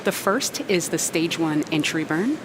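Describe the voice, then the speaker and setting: Low-voiced woman giving launch commentary. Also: expressive, a little slow, background noise. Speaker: launch webcast host. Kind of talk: live explanatory commentary.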